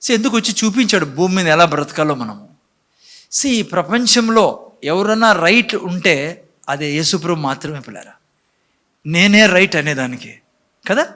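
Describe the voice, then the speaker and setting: High-voiced animated preacher man. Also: moderate pace, long pauses. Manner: animated preaching, rhetorical questions, voices God and Cain in dialogue. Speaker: pastor. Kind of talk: sermon.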